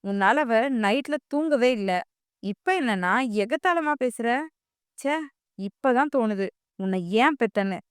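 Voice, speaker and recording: A woman voicing a hot-tempered, boastful middle-aged father who gets loud and rapid. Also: mid-range voice, fairly even intonation, clear, resonant tone, no echo, studio quality, lightly acted. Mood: furious.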